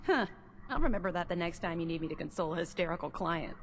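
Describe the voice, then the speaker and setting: A woman voicing a brisk young secretary at a detective agency in a video game, teasing and matter-of-fact. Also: on the low side, animated, slight background noise, lightly acted.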